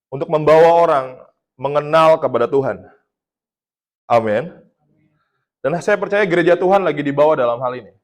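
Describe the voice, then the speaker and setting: A man from Indonesia preaching a casual sermon, telling a testimony in a chatty storytelling way and laughing at his own jokes. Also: fairly high pitch. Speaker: pastor.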